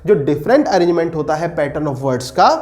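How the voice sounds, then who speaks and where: A man teaching English pedagogy for teacher exams, posing questions to his students and slowing down to dictate definitions. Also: a little high, animated, darkish tone. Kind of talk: exam-prep lecture.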